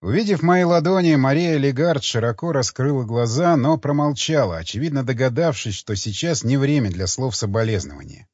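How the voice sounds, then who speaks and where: A man reads a first-person thriller aloud, his voice husky with a lively, wide-ranging lilt. He sits close to the mic in a dry space. The audio is slightly dull and lo-fi. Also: mid-range voice, fairly quick, few pauses, no room sound. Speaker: audiobook narrator.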